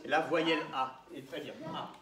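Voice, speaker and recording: A woman's voice: deep voice, steady tone, normal speed, crowd noise. Patient woman teaching young children. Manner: patient, questioning, encouraging children. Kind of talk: classroom teaching. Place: classroom. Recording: echoey classroom, from far off.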